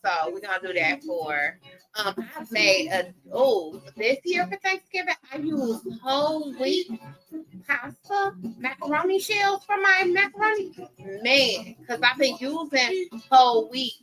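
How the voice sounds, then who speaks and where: A middle-aged woman, telling stories in animated, slangy casual chat with plenty of laughs. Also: high-pitched, measured pace, poor audio. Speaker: interviewee.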